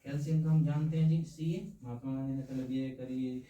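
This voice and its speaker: Brisk and fairly even in intonation, a man with a dark, mid-range voice gives a science lesson full of homely, playful analogies, pausing often to make sure students follow. He's recorded far off in an echoey room.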